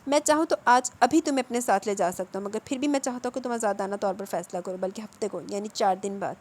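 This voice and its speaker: A woman's voice: medium pitch, a little mellow, lightly acted. A woman reading the part of an older husband who speaks firmly and with full confidence. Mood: firm calm. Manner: firm and self-assured. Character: older husband, calm, commanding, unyielding man.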